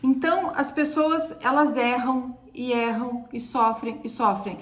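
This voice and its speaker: A woman from Brazil with a high voice, co-hosting a casual mentoring talk. She speaks emphatically and instructively, often addressing her audience straight on. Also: a little slow. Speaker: co-host of a mentoring live stream.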